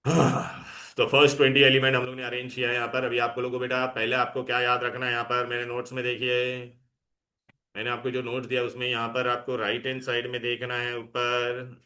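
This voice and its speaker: A male teacher lectures a live class with a bright, forceful edge to his voice. He coaxes the students along and checks in with them often. The talk stays at an ordinary middle pitch. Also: completely flat delivery, a little fast. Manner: coaxing, calls students "beta", mixes Hindi and English. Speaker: chemistry teacher.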